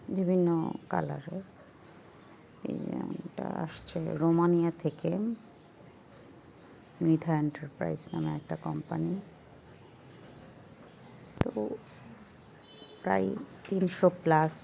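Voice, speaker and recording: A woman who works as a wildlife inspector, speaking, explains things in a relaxed, casual vlog style and mixes in English words. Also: low voice, gravelly, slight background noise, rough recording.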